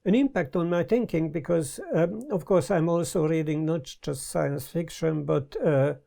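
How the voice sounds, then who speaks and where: An older man with a Hungarian accent, talking in a thoughtful, halting way with many pauses, interviewed in a book-lined study on a lapel mic. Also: fairly high pitch, creaky, mellow. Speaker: guest. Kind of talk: casual conversation. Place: study lined with bookshelves, indoors.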